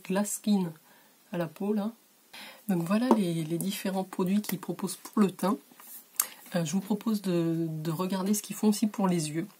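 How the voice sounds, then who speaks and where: In a warm bedroom, a beauty vlogger with a lowish voice gives a relaxed, chatty makeup tutorial full of hesitations, sometimes dropping to a whisper while she applies product. A little background noise is audible.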